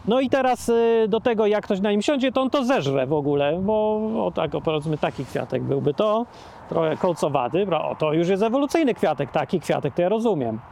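A man's voice: sits high, sing-song, a little fast, gravelly, darkish tone, slight background noise. A man talking casually outdoors among plants, indignant and rhetorical, with many hesitations and restarts. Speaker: vlogger.

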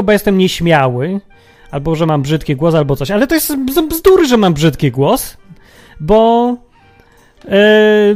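A man with a notably high voice talks through a reflective religious monologue at his own pace. He muses aloud and keeps throwing rhetorical questions at the listener. Faint music plays in the background. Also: a little mellow. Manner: musing, many rhetorical questions. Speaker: podcast host.

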